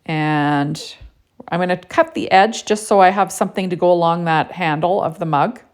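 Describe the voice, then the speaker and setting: A woman's voice: on the low side, moderate pace. A woman narrating a casual card-making tutorial in a chatty way, with lots of "you know" and "right?".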